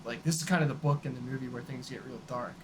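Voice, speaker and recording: A man, a guest in a casual music chat, explaining points in a relaxed way that often trails off softly. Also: medium pitch, fast talker. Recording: audible background hiss.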